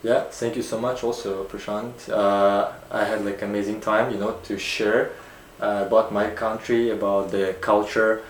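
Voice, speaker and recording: A man's voice: lowish voice, flat delivery, moderate pace, a little hiss or hum. A young man from Uzbekistan answering interview questions hesitantly, with many fillers and restarts. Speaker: guest. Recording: echoey room.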